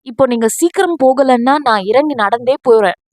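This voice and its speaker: A woman voicing a flustered, sharp-tongued young wife in an audio novel, complaining snappily. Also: on the high side, animated, fairly quick, dry recording, clean studio sound, natural voice. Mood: irritated.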